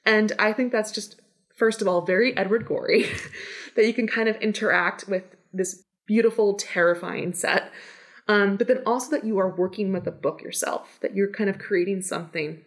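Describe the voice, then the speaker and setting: A woman's voice: medium pitch, fairly even intonation, moderate pace. A woman explaining things informally and enthusiastically as an interview guest, on a meeting room mic in a conference room. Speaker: podcast guest, special collections manager. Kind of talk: casual explanatory interview chat.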